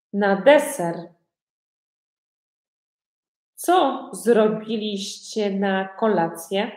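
Very slow-speaking woman teaching. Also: mid-range voice, darkish tone. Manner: asks learners many simple repeated questions. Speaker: Polish language teacher. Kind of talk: slow repetitive language lesson. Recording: echoey room.

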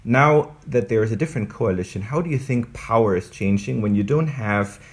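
A man with a somewhat deep voice moderates a political interview. He sets up each question with care and keeps a courteous, measured manner. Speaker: interviewer, host.

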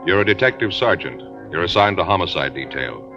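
A male announcer with a booming, emphatic delivery, reading an introduction and commercial in 1950s radio style. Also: big pitch swings, fairly quick, dull audio, over music.

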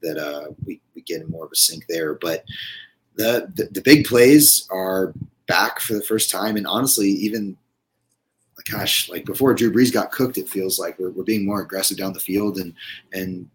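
A man talks football on a casual podcast in a very low voice, loose and rambling with plenty of ums. The delivery is relaxed and conversational. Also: moderate pace, a little hiss or hum, rough recording. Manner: loose, rambling with many fillers. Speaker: podcast co-host. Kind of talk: casual sports chat.

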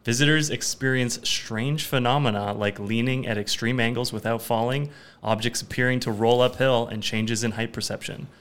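A man's voice: medium pitch, fairly even intonation, normal speed, a bit bright, clean tone. A man co-hosting a podcast with dry, teasing humor, also reading a fun fact. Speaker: podcast co-host. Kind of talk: casual podcast chat.

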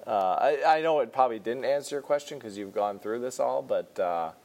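A man's voice: medium pitch, expressive, brisk, gravelly, a little mellow. A man in his forties co-hosting a podcast, chatting casually and reading out listener emails. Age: 40s. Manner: easygoing, reads listener emails aloud. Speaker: podcast co-host. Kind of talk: casual chat.

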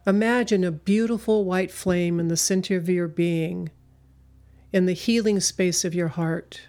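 A woman leading a guided meditation in a slow, soothing, hypnotic way, with long pauses between phrases. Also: lowish voice, fairly even intonation, dark tone. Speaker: spiritual speaker and meditation leader.

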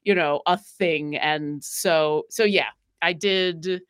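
A woman from New York State chatting casually as a podcast guest, often pausing with fillers and restarting her sentences. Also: deep voice, clean tone. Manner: hesitant, many fillers and restarts. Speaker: podcast guest, tabletop game player. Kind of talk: casual chat.

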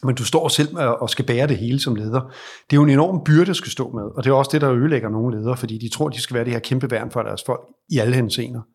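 A man with a husky, slightly rough voice talks through leadership advice in a podcast interview. He is reflective and thinks aloud, circling back and restarting his sentences as he builds his point. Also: mid-range voice, a little mellow. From Denmark. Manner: reflective, explains at length with restarts. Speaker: leadership advisor.

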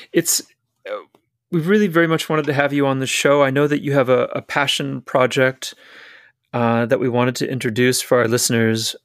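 A man's voice: medium pitch, dry recording, clean studio sound. A man co-hosting a podcast interview, partly reading an introduction, in a formal and somewhat hesitant manner. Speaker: podcast co-host.

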